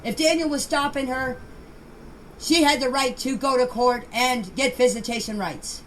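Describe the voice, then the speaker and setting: A woman of middle age or beyond leaves casual voice messages for an online group chat in a somewhat high, fairly bright voice. Insistent and defensive, she repeats herself for emphasis and halts over words and names. The amateur recording carries faint noise.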